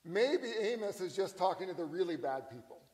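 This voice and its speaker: A male pastor preaching a sermon in a conversational, emphatic way, slowing down on key lines. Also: sits high, lively intonation, darkish tone, big-room sound, low-quality recording.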